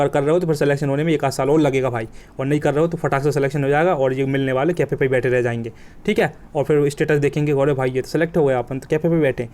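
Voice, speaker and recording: Fast-talking vocabulary teacher, man. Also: on the high side, a little mellow. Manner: colloquial, joking, emphatic with vivid examples. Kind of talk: exam coaching lesson.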